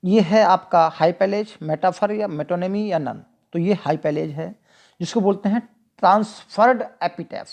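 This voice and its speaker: A teacher with an Indian accent explaining exam questions. The teacher reads each English question slowly, asks it back to the listener and then answers it. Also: medium pitch, gravelly, a little mellow. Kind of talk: explaining multiple-choice questions.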